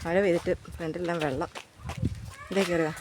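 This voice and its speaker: A woman's voice: fairly low pitch, level tone, fairly quick. A woman in her thirties, a vlogging mother, chatting casually to her viewers while calling out to her children on an outdoor walk. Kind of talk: casual family vlog, walking and chatting. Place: outdoors on a rural road. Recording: outdoor background noise.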